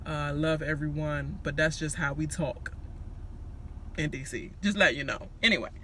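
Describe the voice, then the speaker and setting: A high-voiced man with a Washington, D.C. accent chats through a reality show recap. His tone is very bright and piercing, and he talks in a sassy, gossipy, slang-heavy way with casual swearing. There is faint noise behind him. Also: moderate pace. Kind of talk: casual chatty recap commentary.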